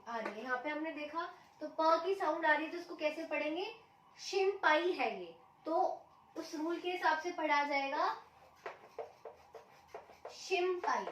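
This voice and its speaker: A high-voiced woman gives a language lesson, walking through each rule patiently and repeating every example. She sits some way from the mic in a room with a clear echo. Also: a bit bright, slight background noise. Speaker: Japanese language teacher. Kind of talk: explaining a lesson step by step. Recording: echoey room, mic at a distance.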